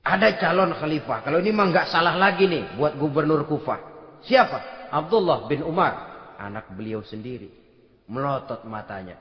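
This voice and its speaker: A high-voiced man tells a sermon story, acting out each voice and dropping to a near hush. The sound is dull and lo-fi, like an old tape. A long echo from a large hall hangs behind him. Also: lively intonation, normal speed. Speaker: Islamic preacher.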